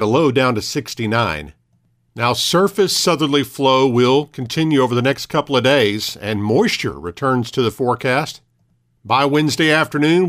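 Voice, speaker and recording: A man's voice: mid-range voice, a bit bright. A man reading a scripted morning forecast and news as a local radio announcer. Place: radio studio.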